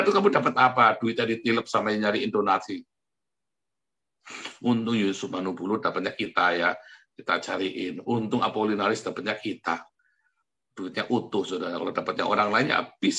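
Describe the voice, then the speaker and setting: A pastor with a lowish voice preaches a sermon in an easy, conversational way, as if chatting with the congregation and often addressing them directly. He mocks himself and laughs as he talks, and his quiet asides give way to sudden loud outbursts.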